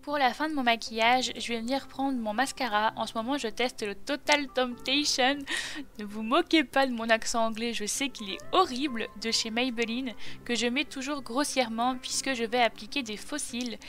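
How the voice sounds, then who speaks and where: A woman's voice: fairly high pitch, fairly quick, few pauses, fairly bright tone. A woman vlogger talking through a makeup tutorial step by step in a chatty voice-over. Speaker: beauty vlogger. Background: faint background music.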